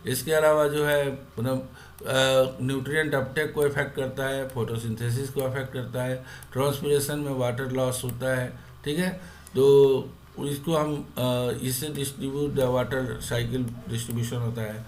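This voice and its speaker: A male teacher explaining a school lesson in Hindi, mixing in English terms and pausing to restart his sentences. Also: medium pitch, little pitch movement.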